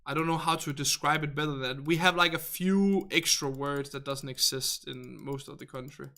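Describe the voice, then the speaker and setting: This man's voice runs fairly high at a moderate pace, with vocal fry and a pushed, bright quality. He's a Danish native from the north of Denmark, speaking accented English as he hosts a casual livestream, reading chat messages, rambling, searching for words and laughing frequently.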